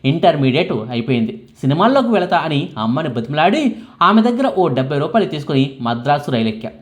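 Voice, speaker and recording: A man's voice: on the high side, sing-song, brisk. A man narrating a first-person life story as scripted biography narration, acting out the quoted lines dramatically.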